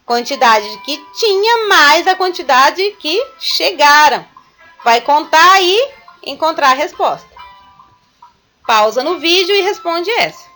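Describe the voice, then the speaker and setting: Lady teaching little kids on video, slow and patient, soft music under it. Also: high voice, lively intonation. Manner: slow, patient step-by-step explaining to young children. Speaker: primary school teacher. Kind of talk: recorded remote class lesson.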